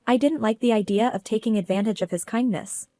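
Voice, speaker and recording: A woman telling a first-person story as narrator, in a steady, earnest way. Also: fairly high pitch, brisk, no echo.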